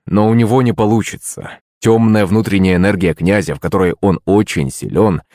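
A man narrating a fantasy audiobook in a steady, even storytelling manner. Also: low-pitched, a little fast, no echo, studio quality. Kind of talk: scripted narration.

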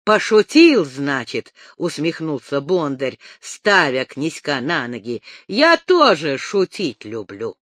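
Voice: mid-range voice, sing-song, slow pace, few pauses, fairly bright tone, no room sound, pitched below the performer's own voice. A reader voicing a huge, strong cooper speaking with grim mockery. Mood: mocking. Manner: grim, mocking.

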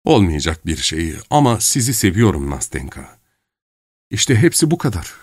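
A man's voice: deep voice, very animated, normal speed, breathy edge, no echo, studio quality, heavily acted. A man reading a lovesick young man, earnest. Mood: confessing. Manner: earnest, heartfelt.

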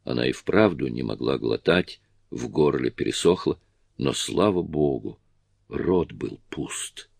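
A man reading a novel aloud in steady, measured audiobook narration. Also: extremely low pitch, vocal fry, no room sound, studio quality. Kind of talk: scripted narration.

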